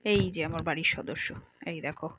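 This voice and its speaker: A woman's voice: sits low, fast talker, noisy background. A middle-aged woman, chatting casually to viewers in a home vlog while doing kitchen chores. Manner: chatty, homely, addresses viewers directly. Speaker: vlogger.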